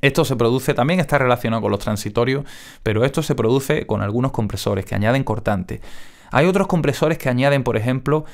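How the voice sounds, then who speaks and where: A man teaching audio mixing in a casual spoken tutorial, with crisp careful diction and frequent check-ins with the listener. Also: medium pitch, a little fast.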